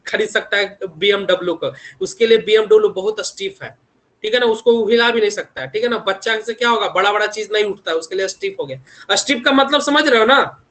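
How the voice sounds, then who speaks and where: High-pitched young male lecturer a lilt, chatty teaching tone full of check-ins and homely examples. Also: fast talker, sharp tone. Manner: repeats tag questions constantly, homely examples. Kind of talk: online engineering lecture.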